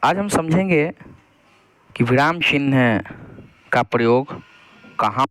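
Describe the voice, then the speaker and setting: A man's voice: mid-range voice, lively intonation, fairly bright tone, smooth. A man teaching a grammar lesson, explaining step by step, putting questions to the class and answering them himself. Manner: reads example sentences slowly and deliberately.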